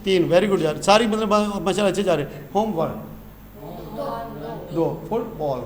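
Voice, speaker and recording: A man's voice: sits high, normal speed, echoey room, a crowd in the background. A man teaching English grammar, switching between English phrases and explanations and answering his own questions.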